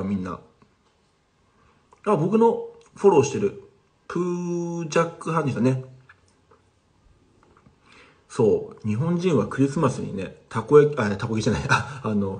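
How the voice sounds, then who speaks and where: A man's voice: lowish voice, darkish tone. Chatty man hosting a livestream. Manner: chatty, reads out viewer comments and replies. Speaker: language teacher streaming live. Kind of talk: casual livestream chat with viewers.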